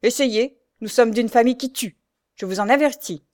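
A hulking young villain from a classic storybook, menacing and sneering, throwing out threats in a raised, loud voice. A woman narrator acts him out, pushing her voice up higher and harder for his taunts. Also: moderate pace, close to an everyday voice.

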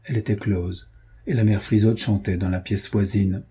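A man reads an adventure novel aloud in a measured, even manner. His voice is low-pitched, dark and mellow, with a strong breathy huskiness throughout. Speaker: narrator. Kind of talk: audiobook narration.

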